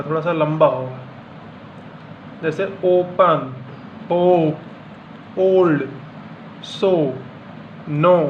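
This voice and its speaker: A man teaching pronunciation in Hindi, reading out example words one at a time in a slow, deliberate way. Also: fairly high pitch. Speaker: English teacher. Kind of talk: classroom lesson explaining pronunciation. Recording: dull lo-fi sound with faint room hum.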